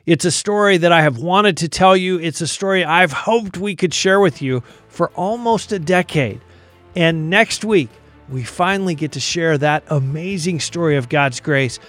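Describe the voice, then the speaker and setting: Higher-pitched American male radio host. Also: normal speed, a bit bright, soft background music. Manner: earnest, polished delivery. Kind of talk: scripted radio sign-off narration.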